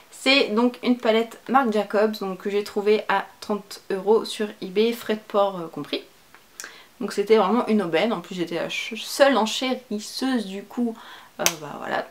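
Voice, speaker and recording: A young woman talking through her favorite make-up products. She is chatty and casual, with lots of fillers and slangy enthusiasm, in a voice of ordinary pitch. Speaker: beauty vlogger.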